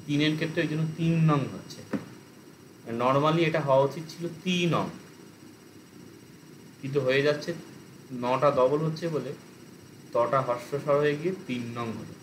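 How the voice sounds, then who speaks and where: A man's voice: mid-range voice, slight background noise, poor audio. Man teaching a language lesson. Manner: explanatory, reciting word forms slowly.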